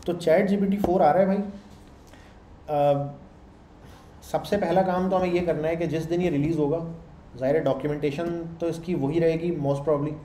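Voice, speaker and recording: A man's voice: fairly high pitch, fairly even intonation, normal speed, long pauses, mellow. A male programming instructor giving a casual, conversational lecture and mixing English technical phrases into his talk. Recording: echoey room with faint background noise.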